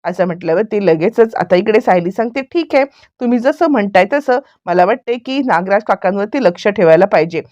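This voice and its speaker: A woman's voice: medium pitch, expressive, brisk, a little mellow, no echo, lo-fi sound. A woman casually retelling a TV serial episode and talking straight to her viewers. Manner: chatty, addresses viewers directly. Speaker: serial recap narrator.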